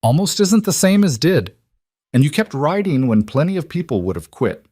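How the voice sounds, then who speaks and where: A man voicing a steady, protective frontier cowboy who speaks in firm, clipped commands. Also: fairly high pitch, normal speed, dry recording, studio quality, pitched above the performer's own voice.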